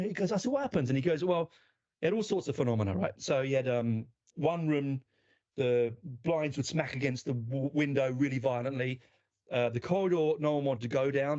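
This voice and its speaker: A man with an Australian accent, a podcast guest or host, tells a story in casual chat, acting out the quotes and swearing casually. His voice is mid-range with a darkish tone, and the sound is dull and lo-fi.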